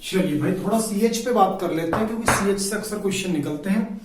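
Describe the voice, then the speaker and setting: A man's voice: high-pitched, fast talker. A male grammar teacher giving a video lesson, repeating each point and asking and answering his own questions, often calling his listeners brother. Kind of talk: classroom-style video lesson. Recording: very echoey room, voice from a distance.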